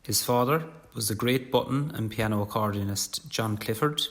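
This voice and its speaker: A man's voice: medium pitch, moderate pace, gravelly, a bit bright. A man with an Irish accent presenting in the manner of a scripted documentary narrator and interviewer.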